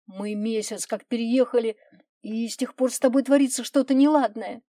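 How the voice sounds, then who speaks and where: A woman's voice: medium pitch, measured pace, mellow, dry recording, clean studio sound, natural voice. A woman voicing a loving husband who begs his wife to open the door, urgent and emotional. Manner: urgent pleading. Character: loving husband, pleading and determined.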